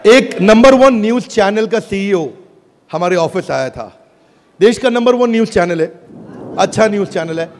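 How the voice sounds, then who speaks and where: A man giving an energetic motivational business speech to a live audience, rallying the crowd. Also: high voice, normal speed. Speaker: business speaker pitching an app. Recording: echoey hall with crowd noise.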